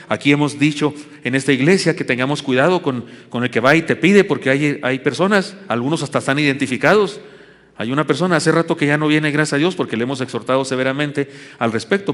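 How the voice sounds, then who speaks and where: Pastor from the north, folksy self-mocking preacher, church with long reverb. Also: male voice, on the high side, fast, fairly bright tone. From Chihuahua, Mexico. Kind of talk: sermon. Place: church sanctuary.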